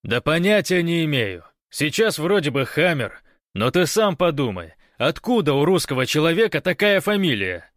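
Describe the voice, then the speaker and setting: A man voicing a brash young man who has lost his memory, talking loudly and cheekily. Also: lowish voice, animated, normal speed, dry recording, clean studio sound, close to an everyday voice. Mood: pleading. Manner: loud, cheeky, defiant. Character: brash young man with amnesia, cocky and joking.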